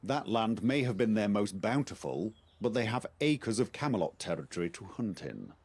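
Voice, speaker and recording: A man playing a composed knightly officer in a game, speaking formally and deliberately as he recruits and instructs. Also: lowish voice, sing-song, a little mellow, breathy edge, full character voice. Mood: earnest, authoritative. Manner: formal, measured, articulate. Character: measured Arthurian knight-officer recruiting an outsider to investigate. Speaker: quest-giving game character. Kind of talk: scripted game dialogue.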